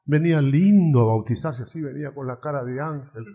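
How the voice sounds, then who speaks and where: A male preacher giving a lively, humorous sermon and acting out the quotes he tells. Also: mid-range voice, a little fast, dull audio. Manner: animated, humorous, acts out quotes.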